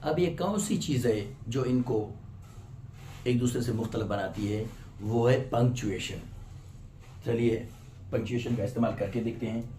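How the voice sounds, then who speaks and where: A man's voice: mid-range voice, a little slow, pauses often, warm tone, a little hiss or hum. A man teaching a grammar lesson, explaining step by step and often checking "right?" with his students. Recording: roomy echo.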